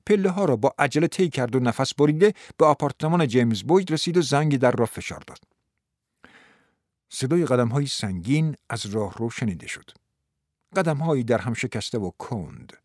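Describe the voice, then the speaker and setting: A man narrating an audiobook in an expressive, dramatic storytelling manner. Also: medium pitch, dry recording, studio quality.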